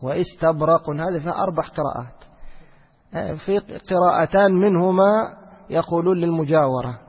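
In this religious lesson on Quranic exegesis, a man with a slightly high, husky voice asks questions and then answers them himself. He repeats phrases and slows down when reciting verses, and the lo-fi recording carries a long hall reverb.

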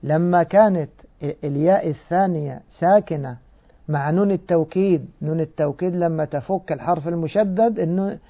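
A man's voice: on the high side, a little fast. A man teaching Quran commentary and grammar, explaining step by step and asking and answering his own questions. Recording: tinny phone-like sound.

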